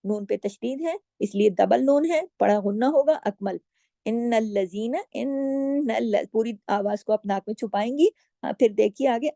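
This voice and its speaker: A woman teaching Quran recitation rules to female students, explaining each letter patiently and drawing out the recited words slowly. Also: a little high, warm tone, no echo. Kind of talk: tajweed lesson.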